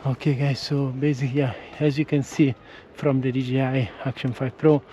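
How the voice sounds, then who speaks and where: The clip features a man with an Italian accent, not a native English speaker, chatting casually for his vlog as he walks outdoors. His mid-range voice is warm and level at a normal speed, though halting, with many restarts and self-corrections. Recorded on a windscreened action camera, the audio is dull with slight background noise.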